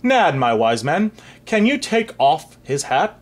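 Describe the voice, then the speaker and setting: A storyteller voicing an impatient male king who barks loud commands, with a husky voice. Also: medium pitch, very animated, takes it slowly. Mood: commanding.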